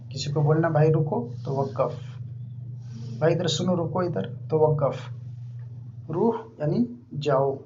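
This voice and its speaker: A man giving an informal vocabulary lesson, repeating each word slowly several times. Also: on the high side, mellow. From India. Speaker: language teacher. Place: living abroad in Saudi Arabia. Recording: dull lo-fi recording with faint hum.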